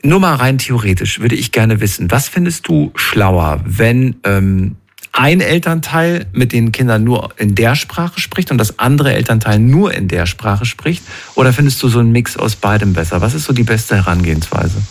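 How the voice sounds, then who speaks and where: Speaking at normal speed in a mid-range voice, a man conducts a relaxed interview with a guest. His questions run long and reflective, and he frequently checks in with brief tag questions.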